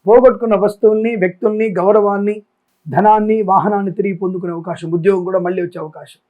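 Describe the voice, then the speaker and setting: A male astrologer hosting a daily horoscope reading. He talks quickly in a high voice and reels off long lists of predictions. His appeals to the audience are emphatic. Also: fairly even intonation, narrow, tinny audio. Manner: rapid listing, emphatic appeals. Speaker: astrologer and channel host.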